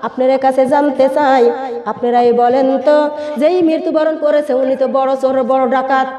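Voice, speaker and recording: A woman's voice: high voice, steady tone, moderate pace, warm tone, roomy sound, long reverb tail, faint music behind. A woman preacher giving a sermon in a sing-song chant, calling out to the women listening.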